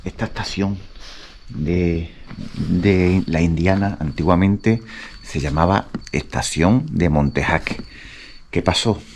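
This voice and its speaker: Deep-voiced man vlogging at night. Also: slow pace, a little mellow. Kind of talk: casual night exploration vlog. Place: outdoors at an abandoned train station at night. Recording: outdoor night recording with noise.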